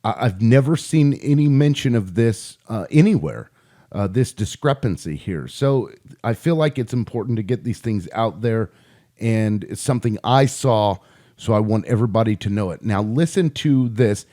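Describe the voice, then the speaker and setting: This video commentator has a lowish, mellow voice and sounds animated, speaking at normal speed. In informal remarks between audio clips, he lays out his opinions emphatically, repeating himself to drive them home.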